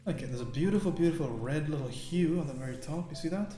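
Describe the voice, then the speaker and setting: A man streaming a live painting lesson, thinking aloud in a relaxed way and often checking in with "right?" while chatting with viewers. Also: fairly high pitch, quick pace. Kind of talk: live painting tutorial with chat. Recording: roomy sound with faint music.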